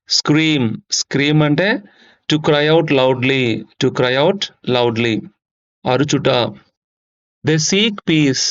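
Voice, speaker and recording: A man teaching English vocabulary, reading example sentences slowly and explaining them in a brisker manner. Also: medium pitch, muffled recording. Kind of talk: vocabulary lesson.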